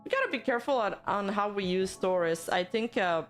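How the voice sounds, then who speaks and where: A woman's voice: mid-range voice, expressive, brisk, faint music behind. A woman hosting a livestream, chatting and commenting casually as she reacts to viewer comments. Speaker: livestream host.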